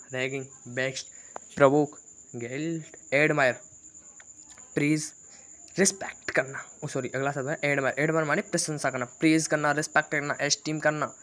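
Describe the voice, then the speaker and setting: A man's voice: fairly high pitch, fairly bright tone. A man teaching an exam-prep vocabulary lesson, chatty and teasing as he rattles off lists of synonyms.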